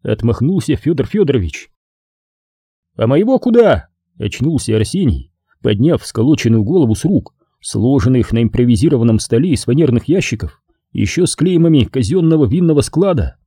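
A man narrating an audiobook with expressive storytelling. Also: medium pitch, fairly quick, husky, no room sound, clean studio sound. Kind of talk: scripted narration.

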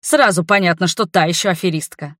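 Brief: arrogant father in an audiobook, voiced by a woman, contemptuous, low register. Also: a little fast, a bit bright, no echo, studio quality. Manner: contemptuous and dismissive. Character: arrogant older father, dismissive and cold.

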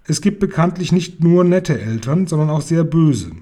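A man voicing a brisk, self-assured young girl who explains things firmly in a storybook reading. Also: on the high side, lively intonation, mellow.

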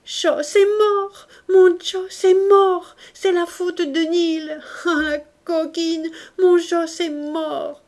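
A woman's voice: fairly even intonation, a little mellow, exaggerated voice. Barbara Lamb, a wailing old mother. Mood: wailing grief. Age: older. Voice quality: shrill crow-like crying. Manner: drawn-out wailing cries. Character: frantic grieving old mother, cawing voice.

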